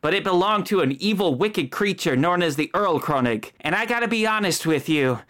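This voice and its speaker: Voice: medium pitch, animated, a little fast, fairly bright tone, lightly acted. A game master voicing a very old woman, kindly and fretful, exclaiming in a folksy way during a tabletop game. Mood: earnest, worried. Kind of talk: tabletop game role-play.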